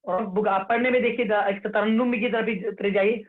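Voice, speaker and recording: Male recitation teacher, high voice, tinny online-class sound, drills rules over and over. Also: fairly even intonation. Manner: slow, repetitive, drills rules and has students repeat. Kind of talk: online lesson with recited examples.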